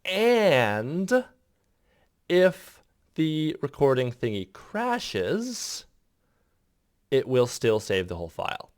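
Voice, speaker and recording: A man talks through an editing tutorial in a loose, rambling voice-over, breaking off mid-thought and chuckling at himself. His pitch bounces around a lot. The recording is close and dry, with no room sound. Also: sing-song, drawn-out words, long pauses, no echo. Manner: rambling, self-interrupting, chuckling asides. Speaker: video editor explaining his process.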